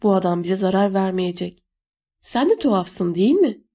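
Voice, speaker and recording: A woman's voice: medium pitch, expressive, normal speed, warm tone. A woman reading an audiobook voices an invisible boy who speaks earnestly and with command. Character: invisible boy, eager to calm others. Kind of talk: audiobook character voice.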